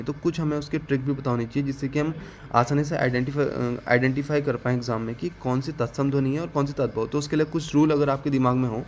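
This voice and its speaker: A man teaching an exam-prep grammar lesson, asking the class questions, answering them himself, and repeating key definitions slowly. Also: medium pitch, a little mellow, slight background noise.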